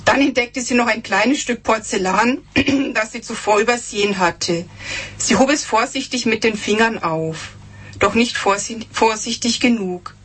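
A woman reading aloud from her own novel with expression, voicing the characters' lines higher and slowing down for tense moments. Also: a bit bright, husky. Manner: acts out dialogue with raised pitch, slows for dramatic lines.

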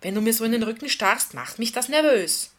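A woman reading as a flustered, irritable woman who snaps in short, clipped lines. Her voice sits at an ordinary middle pitch and stays tense and defensive. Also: animated, normal speed, a bit bright. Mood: irritated.

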